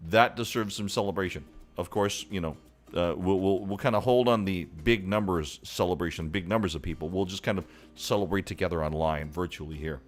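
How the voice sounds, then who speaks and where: A man's voice: deep voice, fairly quick. A man hosting a live-stream chat show, chatty and upbeat as he greets viewers. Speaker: host.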